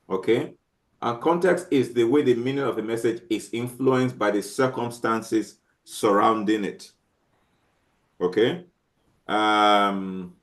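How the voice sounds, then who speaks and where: A male teacher lecturing a class, talking haltingly with many restarts and fillers and checking often that students understand. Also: mid-range voice.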